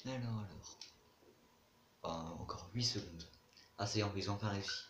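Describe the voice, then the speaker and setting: A man's voice: on the low side, moderate pace, echoey room, background noise. Chatty man commenting on gameplay. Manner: relaxed, chatty, explains game mechanics, talks to players. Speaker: gaming YouTuber.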